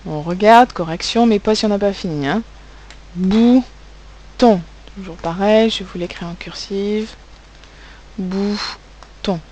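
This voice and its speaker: A woman's voice: mid-range voice, a little slow, a little mellow, slight background noise. A woman teaching young children spelling and handwriting, speaking patiently and spelling out letters and sounds, with a French accent.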